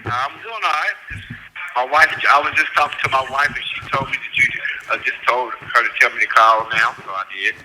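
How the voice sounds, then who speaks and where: A man calling in over a prison phone, talking earnestly and haltingly with many fillers. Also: mid-range voice, noisy background. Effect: heard over a prison phone call. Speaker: incarcerated caller. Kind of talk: heartfelt phone address to an audience. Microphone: prison payphone handset.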